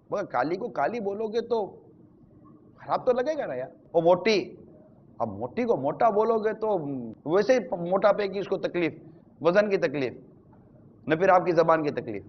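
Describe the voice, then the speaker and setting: Man preacher, fairly high voice, conversational sermon, muffled lo-fi sound. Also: a little hiss or hum. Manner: conversational preaching, addresses viewers directly. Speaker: Islamic preacher. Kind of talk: sermon on marriage.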